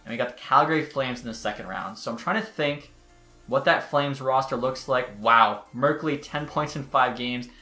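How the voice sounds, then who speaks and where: Chatty gamer guy, bright and roomy. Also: mid-range voice, moderate pace, soft background music. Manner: chatty, exasperated outbursts. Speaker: gaming YouTuber. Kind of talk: casual gameplay commentary. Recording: roomy echo.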